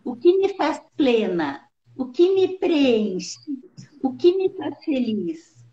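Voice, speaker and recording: A woman hosting a casual live-stream conversation, lively and swooping in pitch as she explains. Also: slow. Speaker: live show host. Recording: roomy, slightly dull live-stream audio.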